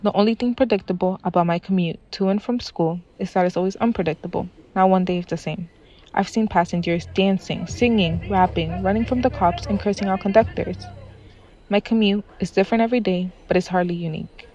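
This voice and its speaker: A teenage girl reading a scripted personal essay in a calm, reflective voice. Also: medium pitch, brisk. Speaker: student reporter. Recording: dull lo-fi audio with faint music.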